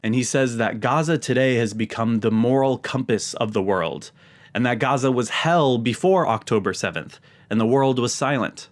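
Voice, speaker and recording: Talking straight to camera, an American host offers religious commentary to his viewers with earnest emphasis. His voice sits at medium pitch and moves at a moderate pace.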